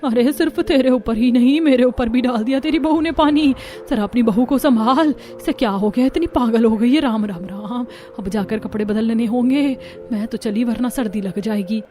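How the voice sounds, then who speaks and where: A woman's voice: fairly high pitch, moderate pace, few pauses, mellow, a little hiss or hum, lightly acted. A woman voicing a nosy older neighbor who teases and complains in a cartoon story. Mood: complaining.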